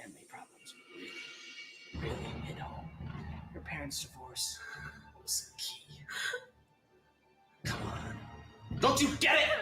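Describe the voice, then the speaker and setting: A man's voice: high voice, heavily acted. A young man playing a gloating, unhinged, fame-obsessed teenage killer in a horror fan film, theatrical and taunting. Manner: taunting, theatrical, foul-mouthed. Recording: roomy film sound under loud music.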